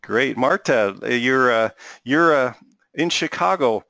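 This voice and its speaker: A middle-aged man hosting an interview, courteous and halting, with many filler sounds. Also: medium pitch, animated, vocal fry, sharp tone, no echo, highs cut off. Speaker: host.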